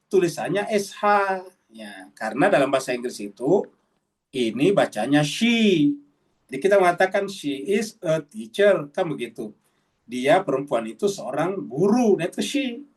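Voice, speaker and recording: A middle-aged man preaching a Quran study sermon to a congregation, emphatic and lively, repeating his points. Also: fairly high pitch, recorded from a distance. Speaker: Islamic preacher.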